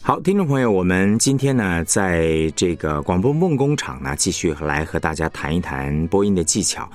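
Male radio tutor with sweeping pitch. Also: very animated, normal speed, soft background music. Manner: demonstrates word stress with emphatic example words. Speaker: radio broadcasting instructor. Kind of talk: radio lesson on announcing technique.

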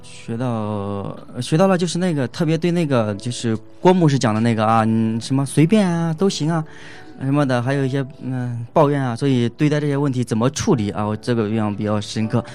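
A man at a middle pitch tells his own marriage story in a loose, halting way, full of fillers and restarts. He laughs often along the way. Faint music plays softly behind him. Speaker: husband giving a couple's testimony. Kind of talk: casual spoken testimony.

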